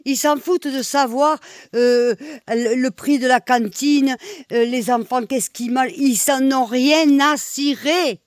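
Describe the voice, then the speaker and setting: A middle-aged woman from Nîmes with a southern French accent, delivering a heated, repetitive political rant full of swearing and loud outbursts. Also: sits high, slow pace, no room sound. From Nîmes, southern France. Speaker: expatriate venting online.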